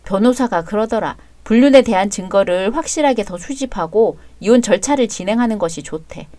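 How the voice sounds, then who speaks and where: A woman's voice: mid-range voice, animated, a little fast, warm tone, no echo. Cold, clipped woman narrator. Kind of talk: dramatized story reading.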